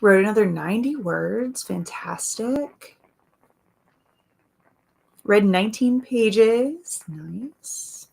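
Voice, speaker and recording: A woman with a raspy voice hosting a casual livestream, reading viewers' comments aloud and chatting about them. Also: medium pitch, expressive, drawn-out words, long pauses, darkish tone. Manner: chatty, reads comments aloud, laughs often. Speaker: livestream host.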